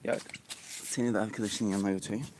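Coaxing man outdoors over loud noise. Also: lowish voice, fairly even intonation, fast. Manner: coaxing, cooing at ducklings, repeatedly asks viewers to subscribe. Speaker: YouTuber showing his ducklings. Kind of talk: casual vlog narration. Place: outdoors in a hot yard.

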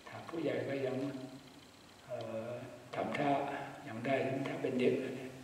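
A Buddhist monk gives a dhamma sermon, asking his listeners questions in a calm, unhurried way. His voice sits at an ordinary male pitch and is caught from some way off in a hall with a long, ringing echo and a faint murmur of room sound. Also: noisy background. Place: temple hall in Las Vegas. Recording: echoey hall, distant mic, faint ambience.

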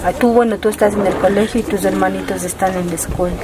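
A woman gently talking with young children during a charity visit, soothing them with tender words. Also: medium pitch, fairly even intonation, quick pace. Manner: gentle, soothing, calls the children dear ones. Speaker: charity visitor interviewing a family. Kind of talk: emotional field conversation with children. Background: music score.

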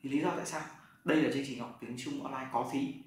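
Guy teaching chinese online, talks fast, super echoey room, mic kinda far, faint hiss. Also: medium pitch, fairly even intonation. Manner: direct, talks straight to learners. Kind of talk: online lesson explanation.

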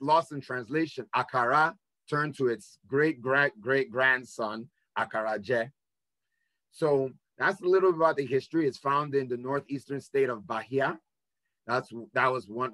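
Guy with a bright forceful voice giving a webinar talk, lots of ums and restarts, dry sound. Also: medium pitch, no room sound. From Nigeria and the United States. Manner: halting, full of ums and restarts. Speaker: webinar presenter. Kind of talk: educational talk. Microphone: video call.

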